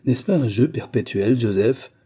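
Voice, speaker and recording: A man voicing a shrewd, gruff, fatherly old male cloth merchant who lectures and exclaims in an audiobook. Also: medium pitch, animated, normal speed, dark tone. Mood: exalted.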